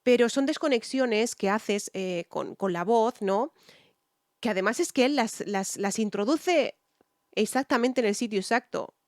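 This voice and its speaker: A woman's voice: on the high side, measured pace, darkish tone, no room sound, clean studio sound. Chatty Spanish woman reacting to songs. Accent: Spanish from Spain. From Spain. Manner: chatty, many fillers, hums snatches of melody. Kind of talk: casual reaction commentary.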